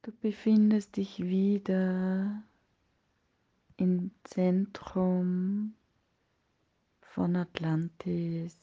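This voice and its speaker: With little movement in her pitch, a woman with a lowish voice leads a guided meditation, her soft, breathy words partly whispered and gently soothing. Long pauses separate her phrases, and the recording has its highs cut off.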